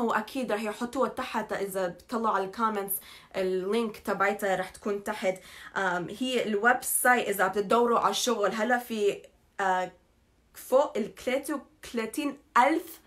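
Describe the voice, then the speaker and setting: Halting woman with English-influenced Levantine Arabic. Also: medium pitch, fairly bright tone. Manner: halting, self-correcting, mixes English terms into Arabic. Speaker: community update presenter. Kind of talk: informal public information update.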